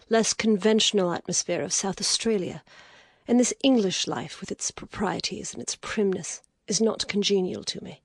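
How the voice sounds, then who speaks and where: A woman voicing a weary, proud young noblewoman in an audiobook, speaking in a hushed, whispery way. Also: medium pitch, no room sound, clean studio sound, pitched above the performer's own voice. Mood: indignant. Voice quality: breathy, whispery. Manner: hushed and tired, rising to bitter outrage. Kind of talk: audiobook character voice.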